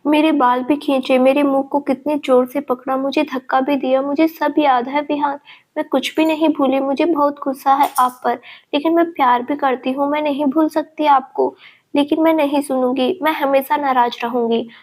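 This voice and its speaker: A woman reading as a tearful young woman, high and level. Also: steady tone, normal speed, a little mellow, natural voice. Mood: tearful pleading. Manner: pleading and reproachful. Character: young woman, drunk, tearful, hurt and stubborn.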